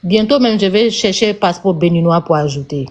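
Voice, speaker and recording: A woman's voice: fairly low pitch, lively intonation, fairly quick, darkish tone. A woman with a Senegalese accent, scolding viewers emphatically on a live stream panel. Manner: emphatic, lecturing, repeats herself.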